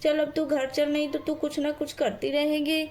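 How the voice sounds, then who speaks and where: A woman's voice: sits high, level tone, normal speed, darkish tone, close to an everyday voice. A woman voicing a scolding young village mother in a doll story, exasperated with her mischievous daughter. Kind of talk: doll story role-play.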